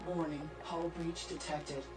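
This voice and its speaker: A calm ship computer voice from a game, giving flat, measured announcements. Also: mid-range voice. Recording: roomy game audio over music. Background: game music.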